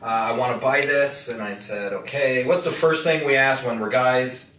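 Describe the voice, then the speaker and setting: A man's voice: mid-range voice, moderate pace, a crowd in the background. A middle-aged man giving a live product demonstration, joking and asking the audience questions as he tells a story. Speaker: product presenter. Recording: echoey room, distant mic, faint noise.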